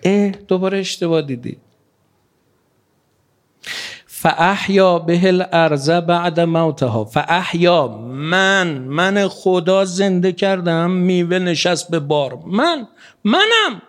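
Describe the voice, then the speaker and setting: A man preaching a sermon, impassioned and pleading, swinging between hushed and raised. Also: high-pitched, smooth.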